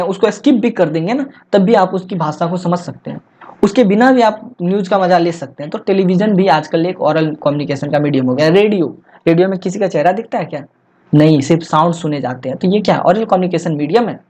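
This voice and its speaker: Mellow-voiced male tutor explaining exam material. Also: sits high. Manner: asks rhetorical questions and answers them himself, often says "theek hai"; reads English textbook lines slowly and haltingly. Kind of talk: explanatory online lecture. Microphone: voice-only recording, face not shown.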